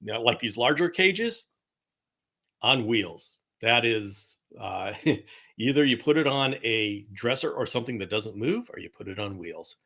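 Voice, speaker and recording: A man's voice: medium pitch, animated, a little slow, sharp tone. A man hosting a live stream, chatting casually with viewers, rambling with fillers, laughing and apologizing often. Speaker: host of a live chameleon show.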